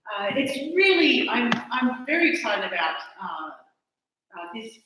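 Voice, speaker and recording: Unhurried, with big pitch swings and a sharp tone, a fairly high-voiced woman from Australia speaks with an Australian accent at a conference. Her talk is chatty, self-deprecating and full of stops and restarts, recorded in an echoey hall with the mic far off.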